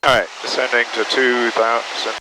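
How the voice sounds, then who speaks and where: A man's voice: mid-range voice, level tone, moderate pace. Male student pilot in a noisy cockpit. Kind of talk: brief read-back of instructions. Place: inside a small airplane in flight. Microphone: aviation headset intercom. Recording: loud engine noise, small plane cockpit.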